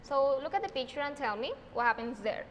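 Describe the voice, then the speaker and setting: A Venezuelan woman teaching English pronunciation, switching between Spanish and English and repeating each example word slowly and with emphasis. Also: sits high, animated, a bit bright, in a large hall, a little hiss or hum. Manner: slow, emphatic repetition of example words. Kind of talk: recorded online English lesson.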